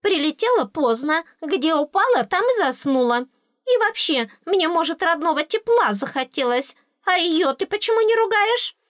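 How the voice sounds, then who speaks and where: A woman voicing a tiny, cheeky and grumpy female tooth fairy in an audiobook, with a shrill, squeaky, snappish voice. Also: sing-song, moderate pace, a bit bright, no room sound, studio quality, heavily acted. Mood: bratty. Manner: bratty, snappish. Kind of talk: audiobook character voice.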